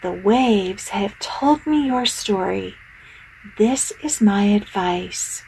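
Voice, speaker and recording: A wise old octopus gives advice in a calm, measured storybook voice, as a woman puts her on. The pace is slow, with a gravelly texture. Faint ambience is heard behind her. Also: mid-range voice, a little hiss or hum, low-quality recording.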